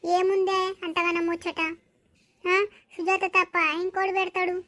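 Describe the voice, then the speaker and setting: A woman's voice: very high-pitched, completely flat delivery, normal speed, a bit bright, no echo. A woman voicing a bossy old village mother-in-law with a Telangana accent, scolding and nagging. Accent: Telangana Telugu. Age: over 60.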